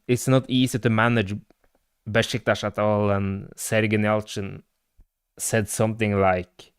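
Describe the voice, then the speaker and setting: This football fan runs a live stream, chatting in a Norwegian accent about his club, answering the chat and filling his rambling talk with fillers. The studio-quality recording catches his fairly low, clean-toned voice with no room sound.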